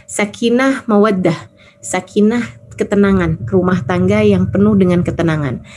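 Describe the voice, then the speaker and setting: A woman's voice: medium pitch, moderate pace, warm tone. A woman preacher giving a casual religious talk, telling stories in a chatty, colloquial way and acting out the voices she quotes. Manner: colloquial, addresses listeners directly. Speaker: Islamic preacher.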